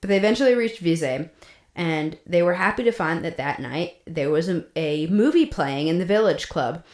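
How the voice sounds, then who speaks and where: Her voice is on the low side, expressive and a little mellow, moving at a normal speed. She's a podcast co-host recounting the story casually, laughing a lot and often restarting or using fillers, all in a room with noticeable echo.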